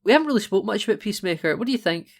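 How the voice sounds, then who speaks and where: This man's voice sits high, with lively intonation, a rapid-fire pace, and some vocal fry. He has a Scottish accent and co-hosts a casual film podcast, chatting playfully and often restarting his sentences as he reviews films.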